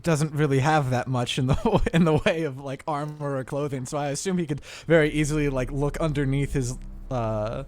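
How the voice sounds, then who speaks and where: A man chatting casually as a tabletop game player, halting and jokey. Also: on the high side, fairly even intonation, darkish tone.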